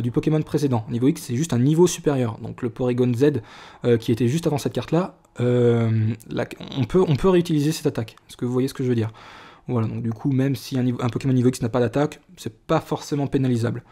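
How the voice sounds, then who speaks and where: A man's voice: medium pitch, warm tone. A young man chatting casually while showing and opening trading cards, with lots of fillers and restarts. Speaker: card collector vlogger. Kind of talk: casual card-opening video.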